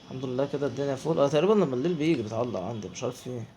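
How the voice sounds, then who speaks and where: A man's voice: medium pitch, expressive, racing, dark tone, slight background noise. A man with an Egyptian Arabic accent giving chatty let's play commentary, talking to himself and his viewers as he plays. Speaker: gaming YouTuber.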